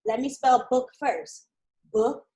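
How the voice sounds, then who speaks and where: Kindergarten teacher lady on a video call, slow and clear with the kids, kinda high voice. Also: animated, dark tone, rough recording. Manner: patient, slow and clear with small children. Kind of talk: live online lesson.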